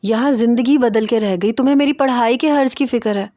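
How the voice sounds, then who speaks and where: A woman's voice: fairly high pitch, mellow, dry recording, clean studio sound, pitched above the performer's own voice, close to an everyday voice. A woman voicing a caring young female cousin who speaks in a soothing, reassuring way.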